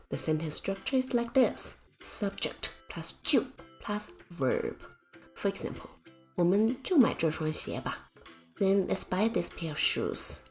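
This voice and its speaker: A woman teacher giving a scripted language lesson, speaking slowly and carefully and explaining with example sentences. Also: lowish voice, a little mellow. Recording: faint music behind the voice.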